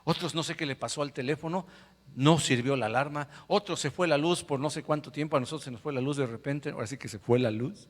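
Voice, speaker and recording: Man, pastor, animated sermon, fairly high voice, echoey church. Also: fast. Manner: animated, shifting between loud preaching and quiet storytelling. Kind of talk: lively sermon with acted-out anecdotes. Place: church sanctuary with a PA speaker.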